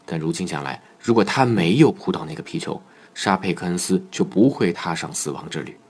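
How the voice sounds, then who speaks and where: Man, fairly low voice, solemn scripted narration, measured pace, football show host.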